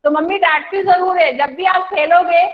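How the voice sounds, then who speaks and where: A woman teaching a primary school class online, explaining simply and reciting a poem slowly and clearly. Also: extremely high pitch, steady tone, dull audio.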